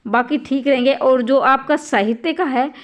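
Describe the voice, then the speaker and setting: A woman's voice: high-pitched, moderate pace. A woman tutor explaining exam answers one by one, often adding "bhai" and "theek hai" as she checks each option.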